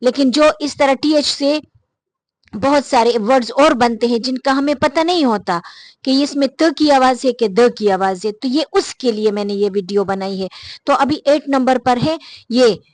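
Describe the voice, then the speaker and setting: A woman teaching English phonetics in a casual spoken lesson, who often pauses on fillers and says example words slowly, one at a time. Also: high-pitched, no room sound. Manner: patient, repeats words slowly to model pronunciation; frequent hesitation fillers.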